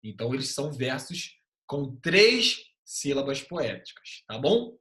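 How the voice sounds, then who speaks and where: Animated male teacher, roomy echo. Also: mid-range voice, unhurried. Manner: animated, keeps checking in with tag questions. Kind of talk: online class lesson.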